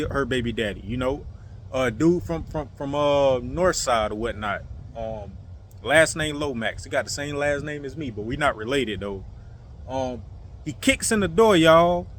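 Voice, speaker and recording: A man tells his viewers a personal story in a casual, animated style, acting out the sounds and filling his speech with fillers and swearing. His pitch is fairly high, and there's slight background noise.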